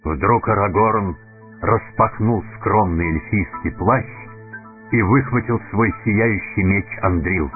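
A man narrating an audiobook fairy tale in a measured storytelling manner. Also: on the low side. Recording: tinny narrow-band recording, faint music.

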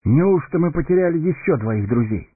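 A man's voice: mid-range voice, animated, normal speed, breathy edge, dry recording, voice pushed up. A man voicing a noble, brave male warrior heir with a solemn, dignified manner. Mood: grave. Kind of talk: audiobook character voice. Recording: tinny narrow-band recording, faint music.

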